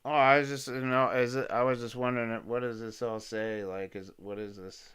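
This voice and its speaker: A man's voice: mid-range voice, flat delivery, brisk, fairly bright tone, clear, resonant tone. A man co-hosting a casual talk, chiming in with curious questions. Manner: curious, brief interjections. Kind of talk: casual chat.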